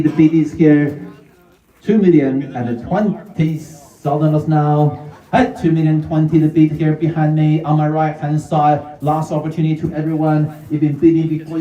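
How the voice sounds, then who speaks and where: A man with a slightly high, warm voice works as a real estate auctioneer, showily calling out bids in short, repeated phrases to gathered buyers at a live property auction. The audio is dull, echoey and picked up from a distance.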